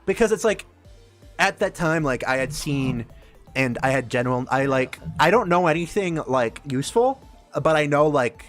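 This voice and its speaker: A man co-hosting a board game stream, chatting casually with friends and telling stories in halting restarts. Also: on the high side, expressive, fairly bright tone, faint music behind. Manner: rambling storyteller, halting restarts. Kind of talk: casual chat among friends.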